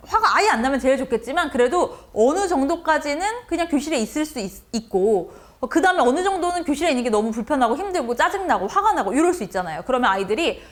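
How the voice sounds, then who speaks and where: A woman lecturing teachers on how to talk with students, often acting out the lines of teacher and child. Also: high-pitched. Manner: lively, acts out teacher and child lines in a changed voice.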